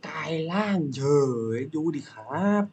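Young man excitedly commentating gameplay. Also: takes it slowly, slight background noise. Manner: excitable, shouts attack names and hums along during fights. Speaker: gamer commentating his own play. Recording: game music behind the voice.

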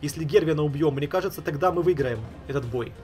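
Male gaming streamer, slightly high voice, slangy thinking-aloud commentary, music behind. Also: fast, darkish tone. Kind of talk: casual gameplay commentary. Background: game music.

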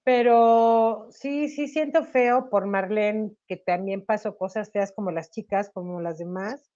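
At a measured pace and in a mid-range voice, a Mexican-accented singer answers questions in a video call interview from her home. The webcam audio is dull. She's animated, laughs while speaking, adds tag questions, and has a slight cough with a sore throat.

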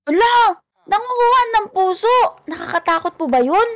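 A woman co-hosting a playful game role-play, excitable and giggly. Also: very high voice, moderate pace. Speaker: co-host and player.

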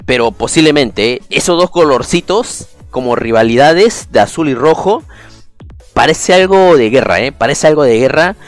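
Male gamer streamer, mid-range voice, talks straight to his chat, loud exclamations, faint music behind. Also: medium pitch, moderate pace. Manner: chatty, addresses viewers directly, bursts into excited exclamations. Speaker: gaming streamer. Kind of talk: casual livestream commentary.

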